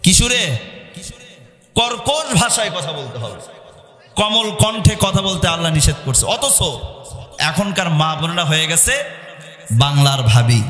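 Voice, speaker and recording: A man preaching an Islamic sermon, chanting and singing verses and shouting questions to the crowd. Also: a little high, lively intonation, measured pace, pauses often. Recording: echoey hall with long reverb, faint music.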